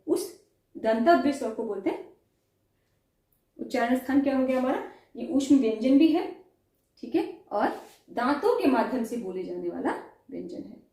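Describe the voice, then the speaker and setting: A woman's voice: on the high side, mellow. A woman teacher giving a pronunciation lesson, sounding out letters one by one and asking the class questions. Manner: demonstrates sounds slowly, asks questions. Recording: echoey room.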